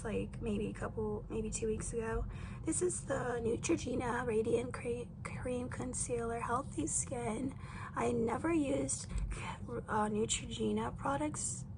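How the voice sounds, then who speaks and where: A woman with a raspy smoker's voice giving a casual, chatty makeup tutorial, rambling informally to her viewers with slangy asides. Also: fairly high pitch. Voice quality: raspy, husky voice with creaky smoker's rasp. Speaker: beauty vlogger. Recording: clear background noise.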